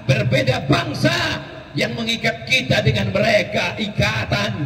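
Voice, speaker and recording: A man preaching at a large outdoor rally, shouting rhetorical questions and leading the crowd in call-and-response. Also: sits high, animated, unhurried. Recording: echoey public address heard from far off.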